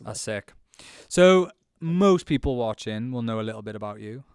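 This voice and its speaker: A man's voice: medium pitch, lively intonation, moderate pace, vocal fry, clean tone, dry recording, clean studio sound. A man interviewing a guest in a laid-back, slangy, conversational way. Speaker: interviewer, host. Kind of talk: casual chat interview.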